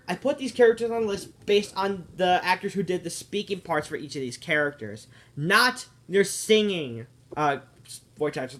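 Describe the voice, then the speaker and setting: A man's voice: on the high side, a bit bright. A man giving a casual spoken review of a cartoon series, rambling and often stopping to correct himself. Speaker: video reviewer.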